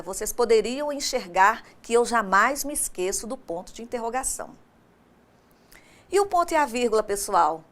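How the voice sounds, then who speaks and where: Brazilian woman teacher for a recorded online class, slightly high voice, playful and expressive, keeps asking the class questions. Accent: Brazilian Portuguese. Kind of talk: recorded distance-learning lesson.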